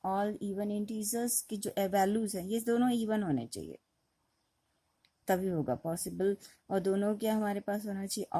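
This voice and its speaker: A woman's voice: mid-range voice, warm tone, breathy edge, no echo, poor audio. A woman teaching a maths lecture, explaining step by step and asking questions she then answers herself. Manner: mixes in English terms, with fillers and restarts. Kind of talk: classroom lecture.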